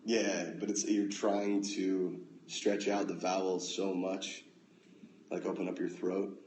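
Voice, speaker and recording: An American man hosting a casual phone livestream at home, reading out comments with relaxed, dry, offhand replies. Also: low voice, slow, a little hiss or hum. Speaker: livestream host. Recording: echoey room, faint ambience.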